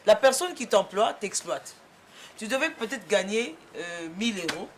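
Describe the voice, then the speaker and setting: Interviewee, calm and explanatory, with faint noise in the background. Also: mid-range voice, moderate pace. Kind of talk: casual interview.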